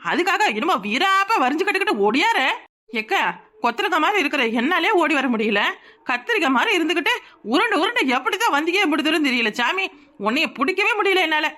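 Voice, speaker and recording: A woman plays a skinny, sharp-tongued village woman in a comic cartoon, with a Kanyakumari Tamil accent. Her voice is high and bright, and she mocks and lectures her friend without pause. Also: sing-song, full character voice. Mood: mocking. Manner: scolding, mocking, lecturing.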